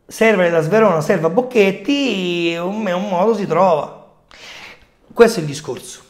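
A man in his forties with a coughy, subdued voice, often clearing his throat, giving casual explanatory commentary straight to his viewers. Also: sits high, unhurried. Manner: conversational, addressing viewers directly. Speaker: football video host. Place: small home room, indoors. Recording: echoey room.

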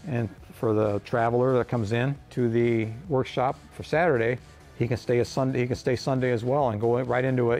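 Plain-spoken gravelly shop owner in his fifties, rambling tradesman talk, faint music bed. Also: medium pitch, darkish tone. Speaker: hot rod shop owner and welding instructor. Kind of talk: casual shop explanation. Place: large metal fabrication shop, indoors.

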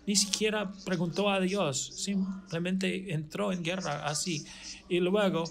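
A male pastor preaching a sermon, retelling a Bible story with animated storytelling and emphatic, restarting phrases. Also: sits high, measured pace, gravelly. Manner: animated storytelling, acting out the characters' dialogue.

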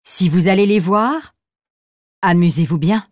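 Slow woman presenting music news. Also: fairly low pitch, a little mellow, dry recording, clean studio sound.

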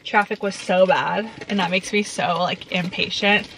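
A young woman in her early twenties vlogs in a casual, chatty way. She has a bubbly, excitable sorority-girl manner and a mid-range pitch. There is clear background noise on the recording. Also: normal speed, rough recording. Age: early 20s. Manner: frequent filler "like". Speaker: college vlogger. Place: parked car and small bedroom. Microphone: camera at about arm's length.

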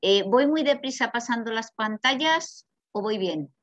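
A woman from Spain with a Peninsular Spanish accent giving a lively, chatty seminar lecture and asking the audience questions. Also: a little high, a little slow, no echo. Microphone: video call. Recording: dull, dry video call audio.

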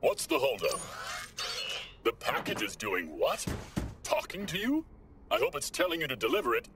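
Give me an impatient, clipped cartoon robot dispatcher, hugely expressive, over very loud music. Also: male voice, on the high side, moderate pace, vocal fry, full character voice. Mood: impatient, incredulous. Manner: nagging, incredulous, clipped. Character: impatient, sarcastic male robot mission dispatcher. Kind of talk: animated cartoon acting. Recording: loud music and effects behind.

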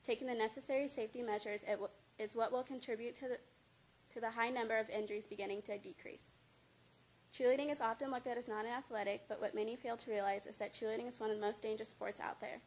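Standing at a lectern in an indoor studio with a green screen, a student speaker in her young adult years delivers a scripted informative speech, reading from notes and tripping over words. She talks fast with a fairly high pitch and fairly even intonation into a handheld-style mic on a stand, with room ambience and clear background noise.

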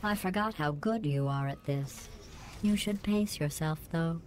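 GLaDOS, a sarcastic AI, low and icy. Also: female voice, unhurried. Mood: coldly polite. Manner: calm, passive-aggressive, mock-polite. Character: cold sarcastic female AI running test chambers.

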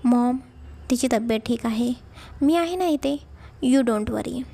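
A woman's voice: a little high, takes it slowly, vocal fry, dark tone, full character voice. A woman voicing an irritable young husband who answers in short, snappish lines in a storybook reading. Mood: irritated.

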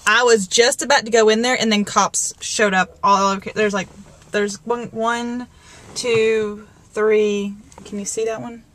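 A young woman sits in her parked car and talks into a handheld camcorder, her voice a touch high. She rambles and restarts, shaken and nervous after a scare. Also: fairly even intonation, measured pace, fairly bright tone. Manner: rambling and jittery, many fillers and restarts. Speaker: vlogger. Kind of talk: casual vlog in a parked car.

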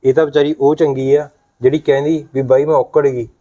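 A man plays a stern husband, scolding in a steady, reproachful way. His voice is mellow and dark, at an ordinary pitch for a man. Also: fairly quick, highs cut off, natural voice. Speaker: husband and brother.

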